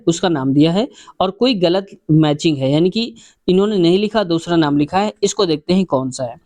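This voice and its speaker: A man's voice: sits high, a little mellow, dry recording. A male teacher explains exam answers step by step. He often restates the question number before he works through it. The sound is dry and close.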